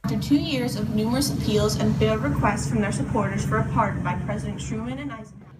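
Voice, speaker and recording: A woman's voice: mid-range voice, fast. A young woman reading a scripted history report as a student news reporter. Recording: distant mic, echoey room, loud background noise.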